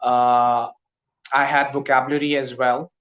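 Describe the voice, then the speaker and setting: Careful and hesitant, with plenty of fillers, a Pakistani English teacher with Urdu as his first language leads casual conversation practice on a tutoring video call. He is unhurried, his medium-pitched voice a bit bright with little pitch movement, and the audio sounds dull.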